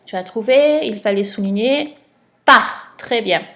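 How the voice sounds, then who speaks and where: Expressive with a darkish tone, a mid-range woman's voice delivers a recorded spelling lesson to a child at home. As a patient primary school teacher, she takes it slowly, stretching out words for dictation.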